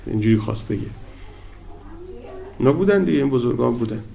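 A man's voice: mid-range voice, lively intonation, gravelly, mellow. A man, a cleric giving an informal ethics lesson, telling anecdotes in a colloquial way and putting rhetorical questions to his listeners. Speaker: cleric teaching an ethics class.

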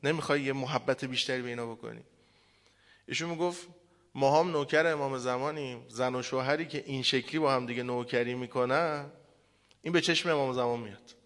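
A male cleric delivering a sermon, moving from impassioned preaching to a softer, mournful recitation. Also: medium pitch. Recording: long reverb of a hall.

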